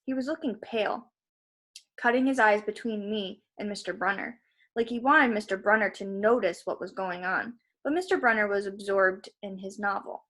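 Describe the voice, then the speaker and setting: With a mid-range voice and a fairly bright tone, a woman reads a story aloud at a moderate pace. Her expressive delivery is punctuated by relaxed remarks to those listening.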